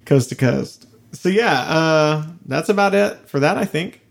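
A man's voice: fairly high pitch, lively intonation, unhurried, gravelly, a little hiss or hum. A young man co-hosting a podcast, talking casually and rambling with lots of fillers and swearing. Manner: rambling, profane, many fillers. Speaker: podcast co-host. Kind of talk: casual chat.

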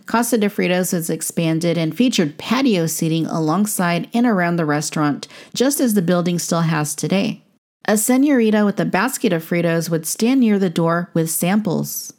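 A woman narrates a scripted historical documentary. Her voice sits slightly low, and she reads in measured, complete phrases as a narrator. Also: darkish tone.

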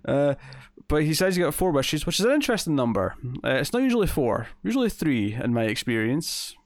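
A man's voice: fairly high pitch, sing-song, a little fast, no echo. A Scottish man co-hosting a review podcast in casual chat, full of fillers and restarts. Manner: chatty, many fillers and repeated starts. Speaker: podcast co-host reviewing an episode.

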